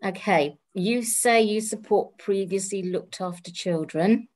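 A woman's voice: medium pitch, measured pace, darkish tone. A woman hosting an online interview, asking questions politely and thanking her guests. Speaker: interview host. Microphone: video call.

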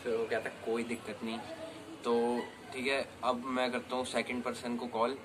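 A young adult man vlogs while making prank calls, chatting casually in a noisy amateur recording made outdoors on a camera mic. His mid-range voice holds a level tone at normal speed.

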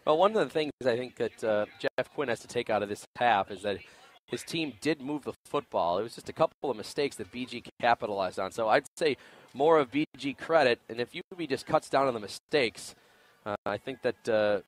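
A man giving halftime analysis as a color commentator on a football broadcast, measured with some hesitations. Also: medium pitch, lively intonation, low-quality recording. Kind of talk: sports commentary.

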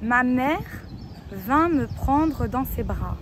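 A woman's voice: high voice, expressive. A young woman dictating a text outdoors, phrase by phrase, as a teacher would. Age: young adult. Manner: dictating slowly with repeats and spoken punctuation. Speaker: French teacher. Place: outdoors in a city park. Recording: clear outdoor street and traffic noise.

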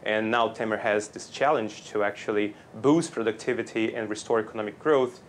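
A man speaks English with a Brazilian accent in a slightly low voice. He explains things in a measured way, like an analyst on live television news. There is clear ambient noise behind him. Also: steady tone. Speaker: political analyst, interview guest.

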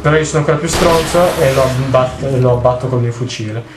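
A young man giving jokey, excitable let's play commentary while he plays, swearing often. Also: mid-range voice, fast talker. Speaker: gaming video host. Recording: roomy with faint noise.

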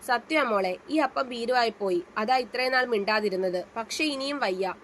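Woman reading a guilty old dad begging forgiveness, storybook, highish voice. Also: moderate pace, a bit bright, slight background noise, close to an everyday voice. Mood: remorseful. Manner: pleading, heavy with guilt. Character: older man, remorseful father begging forgiveness.

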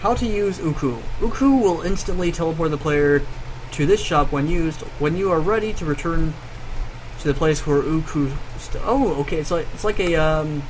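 A man with a slightly high voice gives casual gameplay commentary. He talks as the host, reading game text aloud as he goes. A fan hums faintly behind him. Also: normal speed, low-quality recording. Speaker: gaming video host. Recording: steady loud fan hum behind the voice. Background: fan noise.

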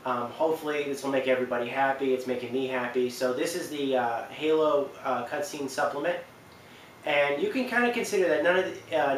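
A man in his twenties, with a medium-pitched voice, hosts a video presenting a ranking, speaking casually, unscripted, and a little haltingly to the camera. He sits on a couch in a small indoor living room. The mic is distant, so the sound is roomy with faint noise.

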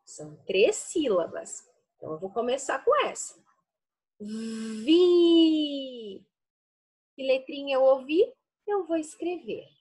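A woman teacher with a Brazilian Portuguese accent, giving an early-literacy lesson to young children in slow, affectionate teacher talk, sounding out words syllable by syllable. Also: high-pitched, huge pitch swings, darkish tone.

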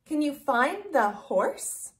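Female kids' host, thirties. Very high, lively pitch, simple sing-song teaching, as if reading to a toddler. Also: slow. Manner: sing-song, exaggerated, repeating simple phrases. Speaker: children's educational video host. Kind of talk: toddler lesson, talking slowly and simply to a small child.

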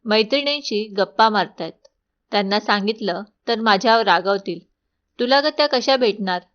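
A woman voicing a palace maid who speaks brusquely and rapidly questions a visitor, in slightly dull lo-fi audio. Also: mid-range voice, close to an everyday voice. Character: palace maid, brusque then humble and pleading.

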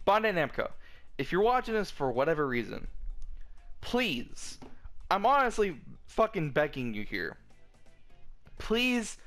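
A man's voice: mid-range voice, fairly bright tone. A man delivering a frustrated, profane rant about a video game, stumbling and restarting often, his voice cracking. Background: faint background music.

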